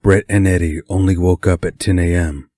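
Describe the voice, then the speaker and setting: A man with a very low voice reads a story aloud, calm and steady. The sound is dry and close, with no room heard. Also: normal speed, dry recording. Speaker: narrator. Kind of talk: reading a fan story aloud.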